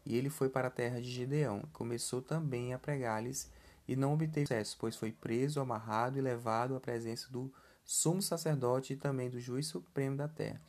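A man's voice: medium pitch, fairly even intonation, fairly quick, darkish tone. A man giving a casual scripture lesson in a conversational way, often putting questions to the listeners and adding tag questions. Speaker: scripture teacher.

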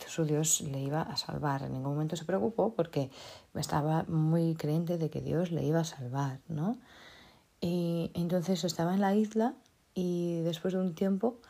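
Low, gravelly-voiced woman speaker. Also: mellow. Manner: hesitant, with many restarts and tag questions. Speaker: motivational speaker. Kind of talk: unscripted motivational talk.

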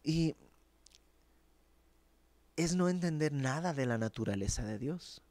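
A man's voice: a little high, expressive, takes it slowly, a little mellow, no room sound. A man preaching a sermon in a conversational, explanatory teaching manner.

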